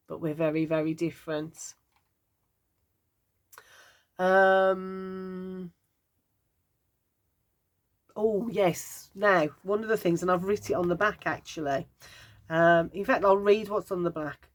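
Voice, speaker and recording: A Brummie woman in her fifties talks in a chatty, meandering way with dry little jokes. Her voice sits a touch low for a woman. She sounds relaxed and conversational, like she is telling a friend about her home city. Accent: Birmingham (Brummie). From Birmingham, England. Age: 50s. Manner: chatty, meandering, wry humour. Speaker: craft vlogger. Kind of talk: casual chat.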